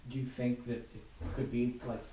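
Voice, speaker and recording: Guy ghost hunter explaining stuff to his group, soft mellow voice, really echoey room, a bit of hiss. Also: mid-range voice, flat delivery, normal speed. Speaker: paranormal investigator. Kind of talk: casual group discussion. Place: reverberant room indoors. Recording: echoey room, distant mic, faint hiss.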